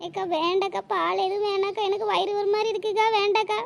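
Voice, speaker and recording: A grieving young cartoon mother, voiced by a woman pours out her sorrow. The voice is piercingly high and squeaky, and the words tumble out quickly. A faint background hum sits under it. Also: fairly even intonation, gravelly. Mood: tearful lament. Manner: pleading, lamenting. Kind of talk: cartoon voice acting.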